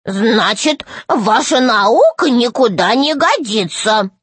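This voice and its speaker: A woman voicing a very old, timid male gnome who speaks slowly and fretfully, with a husky voice. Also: a little high, expressive, a bit bright, dry recording, heavily acted. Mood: grumbling. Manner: slow, drawn-out speech.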